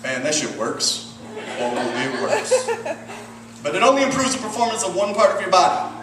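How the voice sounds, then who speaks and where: A man's voice: high-pitched, sing-song, moderate pace. A man in his forties performing a stand-up comedy set, self-mocking and profane, acting out the people he quotes. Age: 40s. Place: comedy club stage with a laughing audience. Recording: echoey, distant room recording with loud crowd noise.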